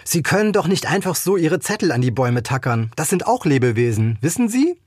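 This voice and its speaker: A man's voice: on the high side, very animated, brisk, a little mellow, husky, dry recording, studio quality, voice pushed up. A man putting on a scolding older woman. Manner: scolding, lecturing. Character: indignant older woman, tall and bony.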